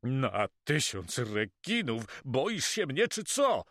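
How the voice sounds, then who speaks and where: A man voicing a loud, hot-tempered male pirate who blusters and swears by sharks in an audiobook. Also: medium pitch, wildly swooping pitch, slow pace, dry recording, clean studio sound, voice pushed up, exaggerated voice. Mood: aggrieved. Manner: blustering, shouts sea-themed curses. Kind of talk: audiobook character voice.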